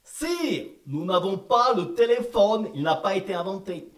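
A man's voice: sits high, expressive, unhurried, a bit bright. A man playing a fretful, long-suffering royal servant in a comic sketch, deferential and anxious. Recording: echoey room.

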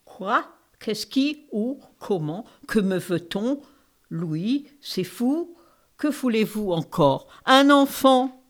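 Give me a haughty, sharp-tongued queen performed by an actor, with a put-on Eastern French accent, speaking slowly. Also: medium pitch, animated. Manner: haughty, cutting, sardonic.

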